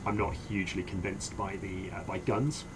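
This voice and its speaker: A man playing a helicopter pilot in a military game, speaking in measured, understated phrases that switch between casual chat and radio procedure. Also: sits low, level tone. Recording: loud helicopter noise behind voice.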